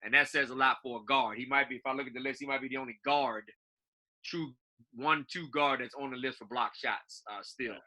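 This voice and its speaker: A man's voice: mid-range voice, steady tone, brisk, pushed and bright. A man co-hosting a casual chat as a basketball coach, easygoing, laughing often and restarting his phrases.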